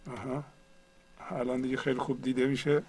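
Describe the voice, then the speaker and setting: A man's voice: medium pitch, level tone, a little mellow, husky, low-quality recording. A man teaching a computer tutorial, patiently explaining each step one at a time. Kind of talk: screen-share tutorial.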